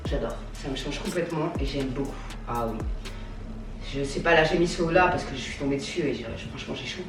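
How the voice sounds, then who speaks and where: Young woman fashion vlogger, effusive and slangy, recorded from a distance in a reverberant room. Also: very deep voice. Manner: gushing and slangy, quick swings into mock outrage. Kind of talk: casual clothing haul chat. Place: at home, trying on clothes. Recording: echoey room, mic at a distance, faint music.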